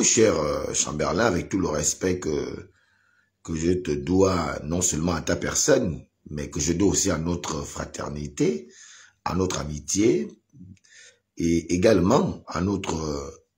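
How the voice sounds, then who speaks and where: A man's voice: low-pitched, darkish tone. A man giving advice in a live video, hesitant with many fillers, growing emphatic. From Gabon. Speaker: online commentator giving advice.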